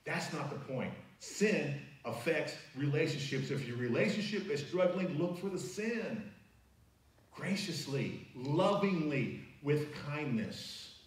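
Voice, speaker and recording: A man's voice: on the high side, lively intonation, slow pace. A man preaching a sermon as pastor, emphatic and conversational. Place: church sanctuary. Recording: very echoey church hall, mic at a distance.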